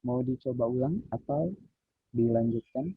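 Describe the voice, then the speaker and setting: A man teaching public speaking in a relaxed, instructive way with frequent fillers, heard over a call. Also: mid-range voice, normal speed, gravelly, slightly rough, dry recording. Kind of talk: online training session. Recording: muffled phone-like call audio.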